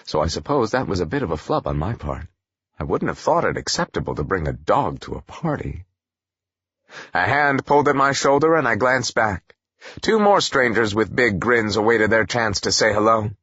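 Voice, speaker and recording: Male narrator, husky and lowish, wry and animated first-person reading. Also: moderate pace, no echo, highs cut off. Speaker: audiobook narrator.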